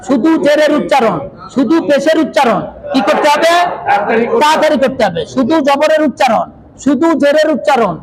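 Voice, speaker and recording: A man teaching a Quran reading class, drilling letter rules loudly and having the students repeat after him. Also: very high-pitched, poor audio. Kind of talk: classroom teaching with call and response. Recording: loud room noise and crowd.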